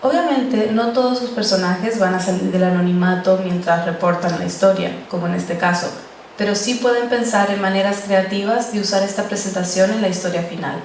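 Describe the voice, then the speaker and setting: A woman giving a talk on podcast journalism, explaining interview technique in a clear, steady way. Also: medium pitch, a little fast. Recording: roomy echo, distant mic, faint noise.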